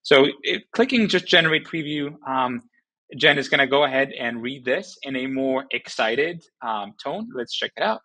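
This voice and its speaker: Bright-toned man walking through software. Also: mid-range voice, normal speed, rough recording. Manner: relaxed, with frequent fillers and restarts. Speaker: software tutorial presenter. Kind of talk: casual screen-recording walkthrough.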